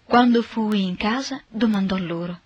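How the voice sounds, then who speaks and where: A woman narrating a scripted Bible reading in a steady, measured way. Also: medium pitch, slightly rough, no room sound, muffled recording.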